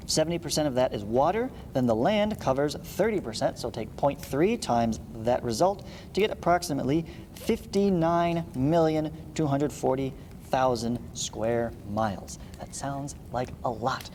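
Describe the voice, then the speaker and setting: A math teacher with a mid-range, darkish voice speaks at a normal speed with lively intonation. He reads the lesson aloud, interrupting himself for informal, folksy explanations, in an echoey room with clearly audible background noise.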